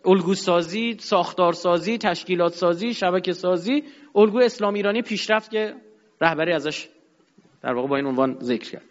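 Man lecturer, high pitched, emphatic delivery, muffled lo-fi recording in a reverberant hall. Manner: emphatic, rising and dropping sharply. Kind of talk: religious-political lecture. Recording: dull sound in a long-reverb hall.

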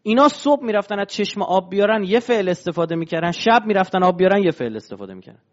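A man with a high-pitched voice lecturing on religion. He explains his points patiently and keeps turning to his audience with rhetorical questions. The recording sounds dull and lo-fi. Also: animated.

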